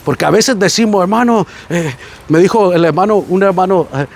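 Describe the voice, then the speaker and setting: A Mexican man preaching in a fairly high voice. He tells lively stories and acts out the people he quotes, then drops into slow, earnest prayer. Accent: Mexican Spanish. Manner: animated storytelling, acting out quoted voices. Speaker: pastor. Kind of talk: sermon on a site visit.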